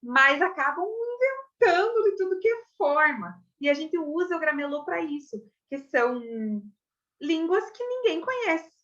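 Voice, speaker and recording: A young adult Brazilian woman teaching a casual theater lesson, chatty and expressive, often checking in with her listeners. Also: very high voice, unhurried. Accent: Brazilian Portuguese. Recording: slightly dull lo-fi audio.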